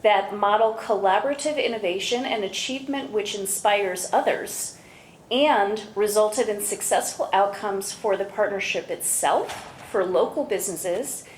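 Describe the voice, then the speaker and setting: A woman presenting an award at a gala, enthusiastic and brisk, briefly going off script. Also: mid-range voice. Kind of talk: presentation speech. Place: large event hall. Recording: echoey hall, faint room noise.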